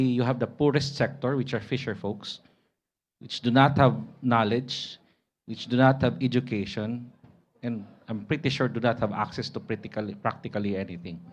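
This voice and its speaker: A man from the Philippines with a Filipino accent, a mayor putting a formal question to a panel from the audience. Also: mid-range voice.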